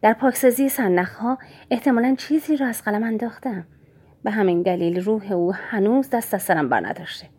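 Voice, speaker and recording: A woman reading a novel aloud in the first person, in a hushed, half-whispered, scheming tone. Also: mid-range voice, lively intonation, husky. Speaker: audiobook narrator.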